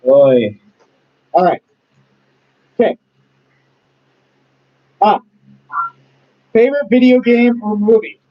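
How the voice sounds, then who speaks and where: A host runs a casual interview, rambling encouragingly and using lots of fillers. He has a high, sing-song voice, speaks slowly with long pauses, and the audio is dull and lo-fi.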